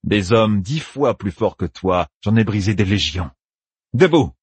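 Casting: male narrator doing a gloating villainous sorceress, raspy, pitched up, dry close read. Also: measured pace, no echo. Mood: mocking. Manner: taunting, mocking and cold. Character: cruel sadistic female sorceress villain.

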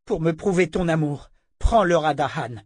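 A man's voice: fairly high pitch, moderate pace, a little mellow, no room sound, studio quality, pitched above the performer's own voice, close to an everyday voice. A man voicing a young woman inquisitor, urgent and emphatic, in a raised voice, as part of an audiobook reading. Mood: commanding. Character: desperate young woman inquisitor, fierce and pleading.

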